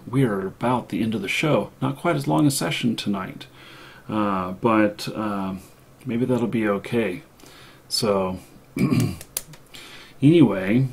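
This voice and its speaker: A man hosting a live call-in show, rambling and thinking aloud as he chats casually. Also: on the low side. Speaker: live show host taking calls.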